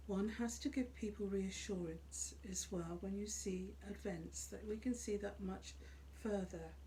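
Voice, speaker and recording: A middle-aged or older woman speaking off the cuff as a psychic, in an earnest, emphatic way with deliberate, repeated phrasing. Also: mid-range voice, mellow, slight background noise, poor audio. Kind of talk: unscripted spoken monologue on spiritual life.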